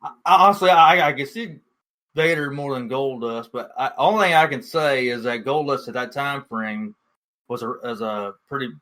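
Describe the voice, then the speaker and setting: Male podcast co-host, relaxed and hesitant, laughs a lot, bright forceful voice. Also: mid-range voice, normal speed, low-quality recording. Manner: easygoing, hesitant, laughs easily. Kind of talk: casual podcast chat.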